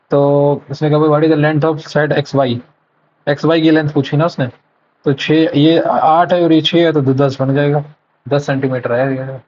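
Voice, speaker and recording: A man's voice: on the high side, darkish tone. A man tutoring for exams, thinking aloud as he solves math problems, muttering numbers and correcting himself while mixing in English terms. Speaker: exam prep tutor solving a live mock test. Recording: dull lo-fi sound.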